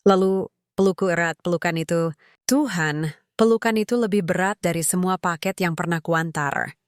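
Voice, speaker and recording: A woman telling a first-person story in a measured, emotional storytelling manner. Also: fairly low pitch, clear, resonant tone, no room sound, clean studio sound. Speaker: narrator.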